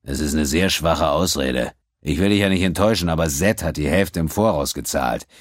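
A man voicing a menacing, smug male space pirate in an audiobook, calm, growling and mocking. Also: extremely low pitch, normal speed, no room sound, clean studio sound. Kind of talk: audiobook character voice.

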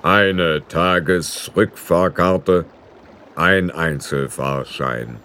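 A man voicing a grumpy old ferryman of the underworld who speaks slowly and sternly. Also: low-pitched, sharp tone, pitched below the performer's own voice, heavily acted. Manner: slow, stern, weary. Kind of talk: audiobook character voice.

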